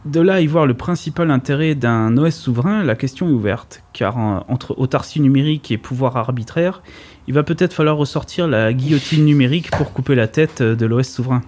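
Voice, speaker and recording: A man's voice: mid-range voice, fairly quick, darkish tone. A man delivering a host's commentary with a wry edge. Faint noise sits under the recording. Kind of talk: scripted commentary.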